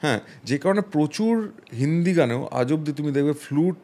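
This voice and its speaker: Music producer guy, slightly high voice, explains things patiently w/ english bits thrown in. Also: expressive, moderate pace, mellow. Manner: thoughtful, explains with musical examples; mixes English phrases into his speech. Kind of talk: explanatory interview talk.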